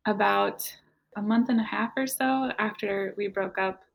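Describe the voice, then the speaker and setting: A young woman with a gravelly, creaky edge to her voice tells her own story as a guest. She speaks candidly and slips into quoted back-and-forth dialogue as she recounts what happened. Her pitch sits in the middle range for a woman. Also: measured pace. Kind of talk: personal testimony.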